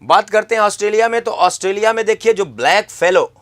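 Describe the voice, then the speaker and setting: A man's voice: high-pitched, lively intonation, fast talker, a bit bright. A man teaching an exam-prep geography lesson, repeating key terms and quizzing the viewer with questions.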